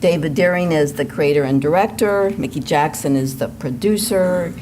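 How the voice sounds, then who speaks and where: At a church service, a woman serving as worship associate offers the congregation a measured, formal welcome and announcements. Her voice is low, and the live room recording is noisy.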